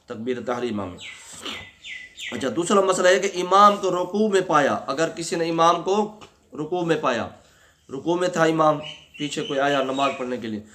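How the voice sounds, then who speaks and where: A man with a slightly high voice gives a religious lesson on prayer, explaining each point patiently. He keeps asking his listeners a question and answering it himself, and he slows down to stretch out words when he shows how they should sound. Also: a bit bright. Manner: draws out words slowly to demonstrate pronunciation. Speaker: religious teacher. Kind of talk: Islamic lesson on prayer rules.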